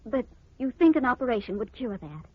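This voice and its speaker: An anxious, devoted young wife in an old radio drama. Her voice is very breathy and airy, and her delivery is soft and pleading. It reaches the ear dull and muffled, as if through an old AM radio broadcast. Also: on the high side, sing-song, brisk. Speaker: worried wife. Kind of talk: 1940s radio acting.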